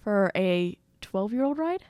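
A woman's voice: medium pitch, expressive, measured pace, dark tone, smooth, dry recording, clean studio sound. A woman in her twenties co-hosting a podcast in casual conversation. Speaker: podcast co-host. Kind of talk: casual chat.

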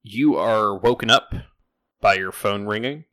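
Low-voiced man running a tabletop game. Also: unhurried, sharp tone, no echo. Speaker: game master.

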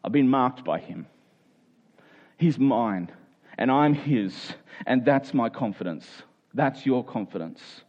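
A man delivers a sermon with scripture reading and prayer, earnestly exhorting his listeners and driving short phrases home through repetition. His medium-pitched voice is slow, a little mellow, and lively in intonation, though the recording's highs are cut off.

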